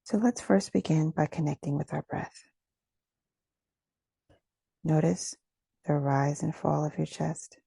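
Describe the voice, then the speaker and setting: In a soft, breathy, low-pitched voice, a woman guides a meditation gently and soothingly, never hurrying and pausing between phrases. There's no room sound.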